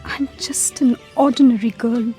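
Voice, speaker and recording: A woman's voice: on the high side, fairly even intonation, unhurried, warm tone, faint music behind, close to an everyday voice. An actress playing a modest, hesitant young woman in love in a radio drama. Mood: tender, hesitant. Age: young adult.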